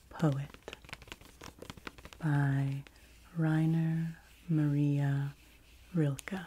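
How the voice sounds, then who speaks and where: Woman, 40s, low-pitched, soft ASMR half-whisper as in a library, unhurried, hissy close-mic recording. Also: rough recording. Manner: hushed, gentle, slow, often dropping into an unvoiced whisper. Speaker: ASMR video creator reviewing library books. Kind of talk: soft-spoken ASMR book talk in a near-whisper, like a library whisper. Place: small home room with a bookshelf. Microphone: fur-covered microphone close in front of her.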